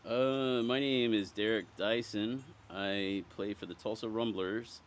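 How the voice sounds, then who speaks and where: A man's voice: on the low side, steady tone, measured pace, a little hiss or hum. A man in his thirties, an amateur ballplayer, speaking sincerely and thoughtfully in an interview. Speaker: amateur baseball player. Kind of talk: reflective interview.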